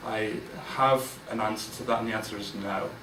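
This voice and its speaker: A fairly low, steady voice belongs to a guest speaker in his forties who talks fairly quickly, addressing a business-event audience candidly and informally with many fillers and restarts. The setting is a large event room with listeners. Recorded on a distant mic, it sounds roomy, with faint ambience and a noisy background.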